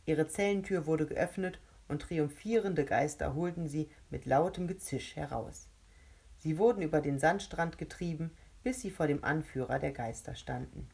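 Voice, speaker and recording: A woman narrates a children's storybook in a calm, even reading voice. Her tone is low and slightly husky, and she paces the story steadily. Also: normal speed.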